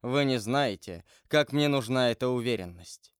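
A man reading an audiobook aloud and voicing an ardent young man who speaks slowly and from the heart. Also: medium pitch, expressive, smooth, no echo, clean studio sound, lightly acted. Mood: heartfelt. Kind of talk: audiobook character voice.

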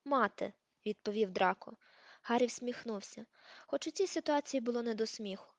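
A woman's voice: on the high side, moderate pace, darkish tone, no echo. A woman narrating an audiobook steadily, reading the page numbers aloud. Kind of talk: scripted narration.

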